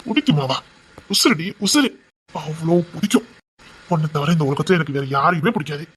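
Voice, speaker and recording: A man's voice: on the high side, expressive, brisk, a bit bright, slightly rough. A young man playing a devoted, apologetic lover in a web series drama, coaxing and pleading affectionately. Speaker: actor.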